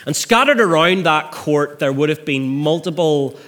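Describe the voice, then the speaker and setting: A man's voice: on the high side, lively intonation, normal speed, fairly bright tone. A middle-aged man preaching a sermon as a minister. He builds to emphatic peaks and often repeats words as he restarts.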